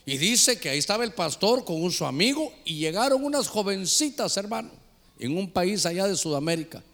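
A man's voice: sits high, very animated, brisk, fairly bright tone. An older man preaching a sermon as pastor, telling stories and calling the listeners brother.

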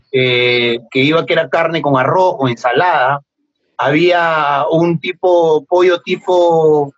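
A middle-aged Peruvian man with a Peruvian Spanish accent, telling stories as an interview guest, animated and laughing often. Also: fairly high pitch. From Peru. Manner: animated, laughs often, acts out remembered dialogue. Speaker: guest, former footballer. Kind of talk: casual storytelling interview. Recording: dull lo-fi podcast audio.

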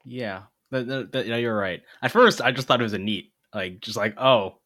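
A man's voice: mid-range voice, lively intonation, normal speed, pushed and bright. Man thinking aloud on a podcast. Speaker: podcast co-host. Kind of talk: casual book discussion.

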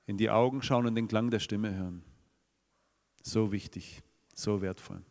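A man's voice: lowish voice, steady tone, a little slow, darkish tone. A man with a Swabian accent preaching a sermon, asking the congregation rhetorical questions. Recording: long reverb of a hall.

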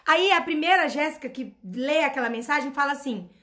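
A woman's voice: high voice, lively intonation, brisk, pushed and bright. A woman mentoring her followers in an emphatic motivational talk. She repeats her points and keeps asking rhetorical questions. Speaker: personal development mentor.

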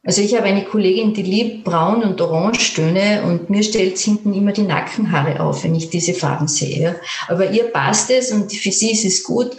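A woman, a creative therapist who gently leads a guided imagery exercise and then answers interview questions calmly. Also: mid-range voice, normal speed, hardly any pauses, a little hiss or hum. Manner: calm, gentle, with fillers and restarts. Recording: roomy echo.

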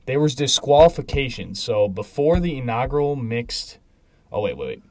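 A man's voice: medium pitch, sing-song, moderate pace, a little mellow, dry recording. A young man co-hosting a casual sports podcast with slangy frat-bro banter. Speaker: podcast co-host.

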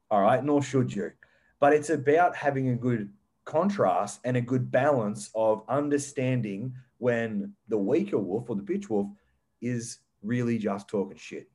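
A man's voice: mid-range voice, animated, moderate pace, darkish tone, slightly rough. A young man hosting a casual motivational chat, emphatic and breaking it up with laughs and frequent "all right"s. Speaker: podcast host.

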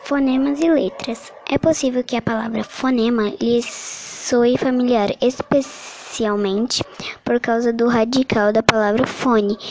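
A woman reading a Portuguese grammar summary aloud as a lesson, halting often and correcting her own slips. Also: fairly high pitch, a little mellow, low-quality recording. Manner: slow, halting reading with restarts and self-corrections. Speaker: teacher reading a study summary.

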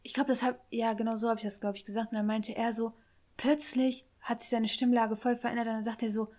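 A woman's voice: on the high side, little pitch movement, fast, darkish tone. A young woman chatting casually and retelling a story with lots of tag questions and acted-out quotes. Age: young adult.

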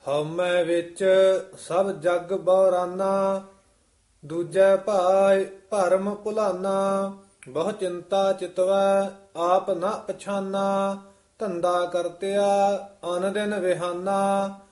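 A man chanting scripture verses in a slow, sung recitation as a student. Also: high-pitched, flat delivery, a little mellow, roomy sound, faint music behind.

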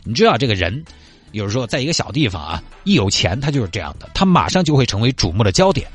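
A man's voice: medium pitch, sing-song, quick pace, slightly rough, soft background music. A male radio host telling a comic story in a chatty way, speaking straight to the listener. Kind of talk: comic scripted storytelling with acted dialogue.

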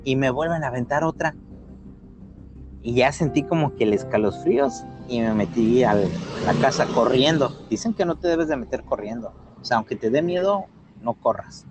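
A man's voice: medium pitch, lively intonation, normal speed, music in the background. A man with a Mexican accent telling paranormal stories in a casual chat, acting out quotes and sound effects. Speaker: storyteller guest.

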